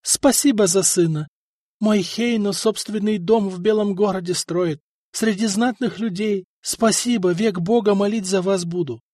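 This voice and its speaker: Man putting on high excited housekeeper woman, gushing, pious, dry close sound. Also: unhurried, no echo. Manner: gushing, breathless with awe. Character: excitable devout woman housekeeper, grateful and awed.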